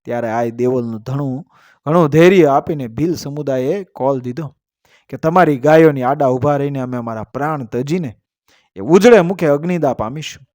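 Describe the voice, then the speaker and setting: A man's voice: mid-range voice, moderate pace, a little mellow, no echo, studio quality. A man narrating a devotional folk story as a storyteller, chanting old verses in a lilting recital and then explaining each one in plain telling.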